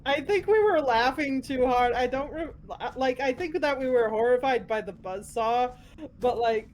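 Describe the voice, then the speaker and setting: A woman's voice: sits high, moderate pace, a little mellow. A woman chatting casually and jokingly as a co-commentator on a game stream. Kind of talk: casual chat. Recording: clear background noise.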